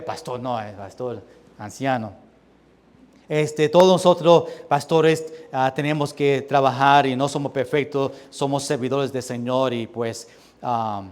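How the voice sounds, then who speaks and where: A young man with a Puerto Rican Spanish accent preaching a sermon as pastor, reading scripture slowly and loudly and dropping to quieter asides. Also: mid-range voice. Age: young adult. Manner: reads scripture slowly and loudly, then drops to soft asides.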